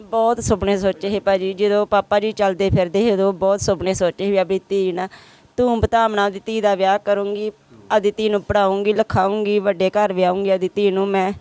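A woman's voice: medium pitch, level tone, brisk, darkish tone, clear, resonant tone. A woman, the mother of the bride, answering interview questions and listing the missing relatives one by one.

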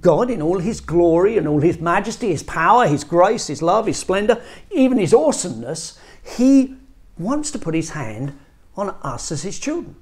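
A man's voice: high voice, darkish tone. A middle-aged man from England preaching an earnest, emphatic sermon, recorded indoors in a small church room on a lapel mic. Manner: earnest, emphatic, gestures with both hands. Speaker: pastor.

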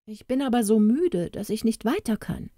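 A woman's voice: on the high side, sing-song, moderate pace, mellow, no room sound, studio quality, pitched above the performer's own voice. A woman doing a tired pleading young traveler. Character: weary, polite young male traveler.

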